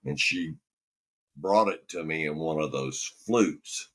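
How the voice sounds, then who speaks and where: A man's voice: a bass voice, slow pace, a bit bright. An older man from Alabama, a former golfer telling rambling, folksy stories as a podcast guest. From Alabama, USA. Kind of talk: anecdotal storytelling.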